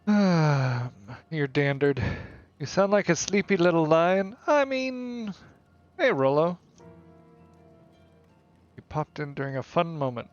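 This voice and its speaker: A man's voice: fairly high pitch, expressive, takes it slowly, pauses often, muffled recording, faint music behind. A man live-streaming a building game, casually chatting with and teasing his viewers.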